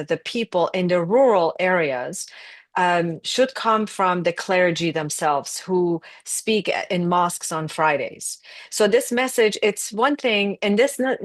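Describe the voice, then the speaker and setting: A woman speaking as a panelist, asking questions in a measured, thoughtful way. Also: on the low side, dry recording. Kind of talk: panel discussion.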